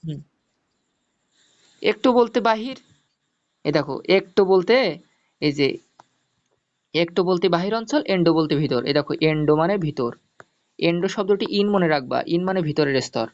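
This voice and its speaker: A man's voice: on the high side, lively intonation, moderate pace, pauses often, darkish tone. A male teacher gives an online zoology lesson, explaining step by step, repeating mnemonics and checking that students follow. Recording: dull lo-fi audio.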